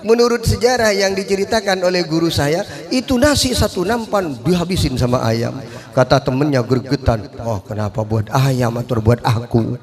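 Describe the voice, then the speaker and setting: A man's voice: medium pitch, darkish tone. A middle-aged man giving an informal religious study talk at a mosque, telling stories with acted dialogue and laughter. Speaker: Quran teacher and preacher.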